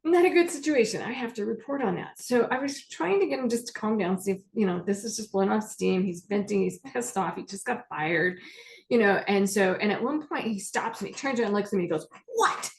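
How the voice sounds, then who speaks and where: A middle-aged woman therapist explains emotions in a casual, chatty talk, telling stories and acting out what her clients say. Her voice is medium-pitched, a little mellow, and a little fast.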